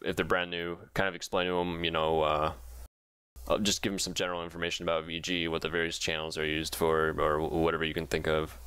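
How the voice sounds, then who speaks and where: A man's voice: a bass voice, bright, forceful tone, smooth, no room sound. A man leading a gaming clan's voice-chat meeting, explaining things in a rambling way with lots of fillers, over a headset mic. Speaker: gaming clan meeting leader.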